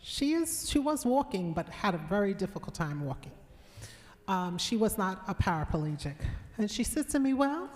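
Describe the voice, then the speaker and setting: A woman giving a church workshop on elder law, answering questions and telling client stories. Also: on the high side. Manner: storytelling, animated when recounting clients. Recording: long hall reverb in church.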